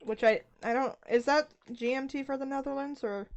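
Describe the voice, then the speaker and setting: A woman chatting casually on a group call, bubbly and giggly, asking quick questions to organize the game. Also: sits high, fairly even intonation, vocal fry, muffled recording.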